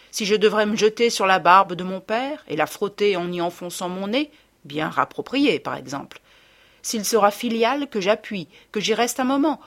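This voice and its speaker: A woman narrating a classic novel in the first person, with wry, expressive storytelling. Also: mid-range voice. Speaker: audiobook narrator. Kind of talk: scripted literary narration.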